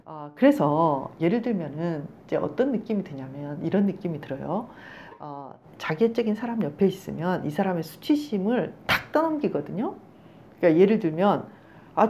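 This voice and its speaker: A woman lecturing on psychology in a very lively voice, her pitch swinging widely as she talks. She acts out angry quoted lines loudly, then drops to a near whisper for the key points. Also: muffled recording, slight background noise. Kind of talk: spoken lecture to a class.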